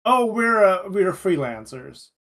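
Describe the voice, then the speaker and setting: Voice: mid-range voice, big pitch swings, slow, fairly bright tone. A player speaking in character in a tabletop role-play game, breezy and evasive, with lots of "like".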